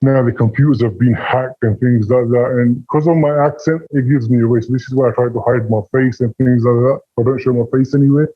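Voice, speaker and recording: A husky man with a British accent answers interview questions in a loose, rambling way, circling back and repeating himself with plenty of fillers. He comes through a video call, and the audio is dull and lo-fi. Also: medium pitch, fairly even intonation, brisk, hardly any pauses. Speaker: interview guest, former call center scammer.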